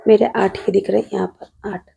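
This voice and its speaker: Gravelly-voiced Rajasthani woman teacher, calm. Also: mid-range voice, a little fast. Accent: Rajasthani Hindi. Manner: calm, patient, calls students "beta". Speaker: math teacher. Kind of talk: solving a model exam paper on video.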